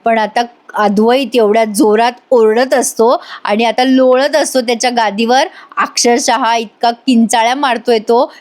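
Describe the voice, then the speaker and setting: A woman narrating a voice-over recap of a TV serial episode, storytelling with chatty asides. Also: a little high. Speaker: TV serial reviewer.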